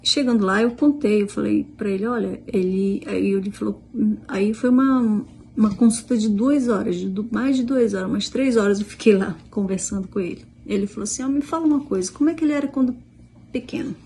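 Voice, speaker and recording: A woman's voice: mid-range voice, fairly quick, darkish tone, a little hiss or hum. Chatty Brazilian mother telling a story. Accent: Brazilian Portuguese. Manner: chatty, retells dialogue with many "aí eu falei" restarts. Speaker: vlogger, mother. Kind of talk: casual storytelling.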